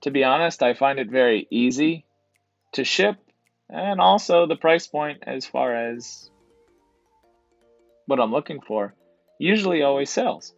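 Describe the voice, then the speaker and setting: A man's voice: medium pitch, expressive, measured pace, creaky, long pauses, dry recording, highs cut off, soft background music. A man narrating his thrift store trip as a voice-over for his reselling vlog, in a casual, explanatory way. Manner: casual, explanatory, repeats "to be honest".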